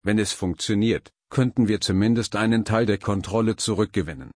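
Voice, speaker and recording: A man's voice: on the low side, a little fast, dry recording, studio quality, close to an everyday voice. A man reading the lines of a nervous female scientist, anxious and questioning.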